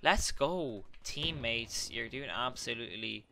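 Young male gamer, bright voice, rambling excitable play-by-play with swearing, faint hiss and clicks. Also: mid-range voice, unhurried, vocal fry. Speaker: gaming channel host. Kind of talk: live gameplay commentary.

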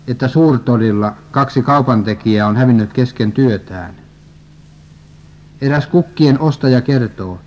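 A man steadily reading a religious prophecy story and scripture aloud, at an even pace, on a dull lo-fi recording. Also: medium pitch. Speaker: reader.

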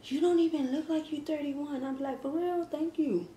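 High-pitched but dark in tone, her voice holds steady at a moderate pace. She's a mukbang vlogger in her thirties who chats through a casual Q and A while eating, laughing often and talking between bites. The setting is an echoey home kitchen with faint ambient noise, filmed by a fixed camera across a table.

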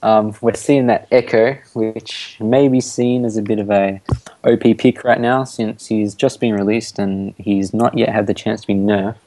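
A teenage boy with an Australian accent, commentating a school esports match in a relaxed, easygoing way. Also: lowish voice, normal speed, rough recording. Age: teens. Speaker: student shoutcaster.

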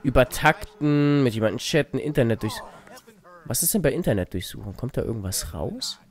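A let's play host with a medium-pitched, expressive voice talks a little fast while playing a life-simulation game. His commentary is casual and wry, and he mutters to the characters on screen.

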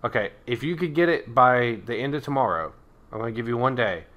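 A man's voice: medium pitch, lively intonation, fairly quick, fairly bright tone, natural voice. A man playing a harried town guard. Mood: exasperated. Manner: rambling, exasperated. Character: male town guard captain, harried and blunt. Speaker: town guard in a tabletop game.

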